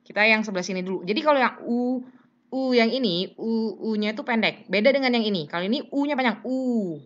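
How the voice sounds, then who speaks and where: A woman's voice: a little high, fast talker, lo-fi sound. A woman teaching English pronunciation in a casual online lesson, chatting, mixing in English phrases and modelling sounds.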